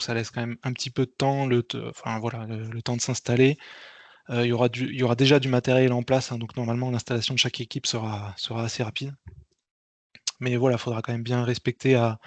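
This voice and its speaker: Halting and hesitant, a man briefs a meeting informally in his role as event organizer, repeating himself often. He speaks at medium pitch, with no echo.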